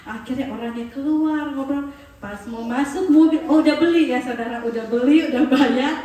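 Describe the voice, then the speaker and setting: Woman, high voice, mellow tone, storytelling sermon, lively quoted dialogue, echoey church hall. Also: moderate pace, recorded from a distance. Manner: animated, laughing, acts out quoted dialogue. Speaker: preacher.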